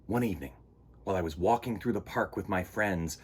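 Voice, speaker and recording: A storytime host with a low, breathy-edged voice reads a picture book aloud to children at a brisk pace. His delivery is dramatic, playful, and emphatic.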